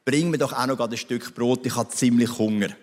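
A man's voice: mid-range voice, fairly even intonation, fairly quick, darkish tone, natural voice. A man with a Swiss German accent voicing an eager, casual prophet who talks in a breezy, slangy way. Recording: reverberant church hall.

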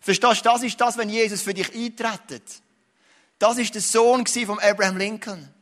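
Swiss-accented male pastor, high voice. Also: steady tone, moderate pace, fairly bright tone. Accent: Swiss German. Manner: earnest preaching, rising to emphatic declarations. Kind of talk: sermon.

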